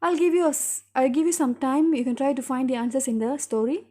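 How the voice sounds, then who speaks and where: A woman teacher leads a recorded reading lesson in a high voice. She reads with clear, careful diction and walks her pupils through each question one at a time. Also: fairly even intonation, fast talker, mellow. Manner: clear, careful read-aloud, guiding pupils step by step.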